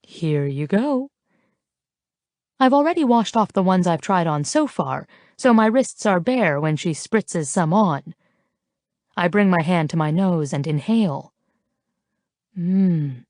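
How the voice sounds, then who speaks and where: Slow, mellow woman narrating a novel. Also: on the low side, expressive, dry recording, clean studio sound. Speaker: audiobook narrator. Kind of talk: first-person audiobook narration.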